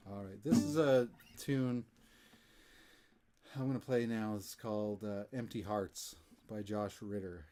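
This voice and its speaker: A man's voice: lowish voice, warm tone. A man hosting a music live stream, chatting casually between songs in an easygoing, rambling way with self-deprecating jokes. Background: acoustic guitar.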